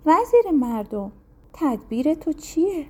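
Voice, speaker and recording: Brief: storybook king, scheming and menacing, read by a woman narrator, mellow higher voice, commanding. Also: very animated. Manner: commanding, issuing threats. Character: scheming king, lustful and threatening.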